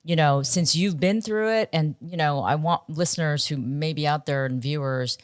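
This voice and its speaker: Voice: medium pitch, normal speed, clean tone, dry recording, clean studio sound. A host in a casual interview, asking earnest, probing questions.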